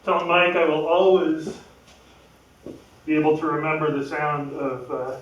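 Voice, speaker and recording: At a memorial, a man shares memories of a family friend in a slightly high, flat voice at a measured pace, hesitant, full of fillers and chuckling now and then. It's an informal spoken remembrance with no microphone, heard from a distance in an echoey room.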